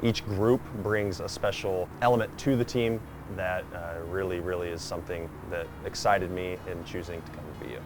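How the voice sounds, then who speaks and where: A man's voice: low-pitched, steady tone, moderate pace, few pauses, noisy background. A man, a college rower, giving earnest, thoughtful interview answers. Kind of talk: interview sound bite. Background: music.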